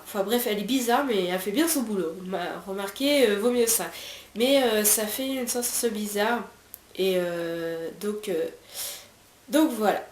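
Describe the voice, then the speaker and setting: A French woman with a French accent chats through a beauty product review at home, her words full of little fillers and false starts. The room gives her voice a roomy echo, and a faint hiss sits underneath. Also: medium pitch. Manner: chatty, many fillers and restarts. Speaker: beauty vlogger.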